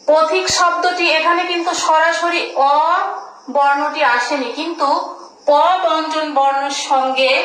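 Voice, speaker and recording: High-voiced woman teaching in an echoey room. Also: fairly bright tone. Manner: patient, asks and answers her own questions. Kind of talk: classroom lesson on pronunciation. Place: classroom with a board.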